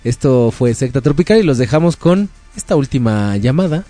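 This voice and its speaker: A relaxed man signing off his podcast in a chatty, easygoing manner. His voice is warm and mellow, with faint music playing behind him. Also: medium pitch, moderate pace. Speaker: podcast host. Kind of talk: casual podcast sign-off.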